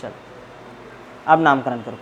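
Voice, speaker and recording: A man's voice: medium pitch, a little slow, fairly bright tone, highs cut off, slight background noise. A man teaching a chemistry class in a classroom, asking students questions and repeating the answers. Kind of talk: classroom lecture.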